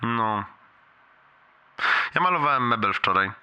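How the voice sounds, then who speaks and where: A man's voice: mid-range voice, animated, a little slow, lo-fi sound, slight background noise. A man leaving a long, rambling voicemail for a friend, self-deprecating and full of restarts.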